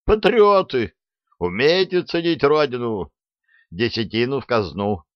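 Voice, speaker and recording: Brief: man reading an effusive king, lively exclamations, lo-fi storybook sound. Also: mid-range voice, unhurried, no room sound, voice pushed up. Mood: exclaiming. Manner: exclaiming, sentimental. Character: easily moved, greedy old male king.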